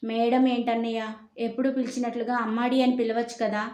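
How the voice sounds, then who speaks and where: A woman voicing a gentle young pregnant woman who pleads softly with her brother. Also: a little high, flat delivery, brisk, reverberant, natural voice. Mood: pleading.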